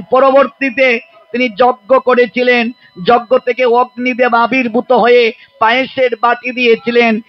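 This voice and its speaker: Man preaching a story sermon, really high voice, slow and emphatic, dull lo-fi sound. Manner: slow, emphatic, acts out quoted speech.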